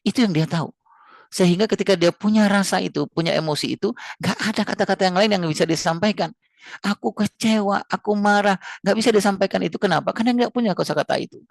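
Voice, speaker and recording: A man lecturing parents and teachers on raising children, earnest and explanatory, repeating phrases and rising high when he stresses a point. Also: fast, creaky, no echo, studio quality. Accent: Indonesian. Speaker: parenting speaker.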